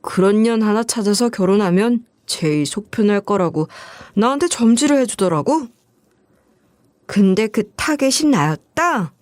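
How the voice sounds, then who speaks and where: A woman's voice: mid-range voice, animated, unhurried, a little mellow, dry recording, close to an everyday voice. A woman voicing a greedy, scornful middle-aged ex-husband who wheedles and sneers in coarse speech. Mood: sneering.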